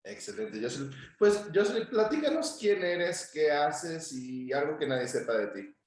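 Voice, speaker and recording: A male podcast host asking casual questions and hesitating now and then. His voice is mid-pitched and rings out strongly in a very echoey room. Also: big pitch swings, moderate pace. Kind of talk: podcast interview.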